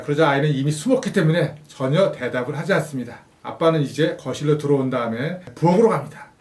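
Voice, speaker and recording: Male narrator, instructional parenting talk, somewhat high pitch, echoey room, acts out sound effects.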